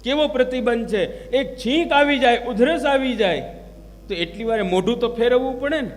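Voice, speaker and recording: High-voiced man preaching in a hall. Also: normal speed, slight background noise. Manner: storytelling with rhetorical questions. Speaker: religious preacher. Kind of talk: devotional sermon. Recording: long hall reverb with faint music.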